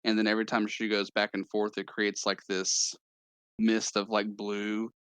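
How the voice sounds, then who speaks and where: A man running a tabletop game as game master, narrating in a halting way with many fillers and restarts. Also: on the low side, completely flat delivery, a bit bright, clear, resonant tone, no room sound.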